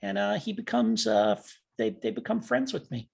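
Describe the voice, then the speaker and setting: A man's voice: sits high, big pitch swings, normal speed, gravelly, breathy edge. A man playing in a tabletop game, rambling and correcting himself as he explains his moves. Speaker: player. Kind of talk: casual tabletop play.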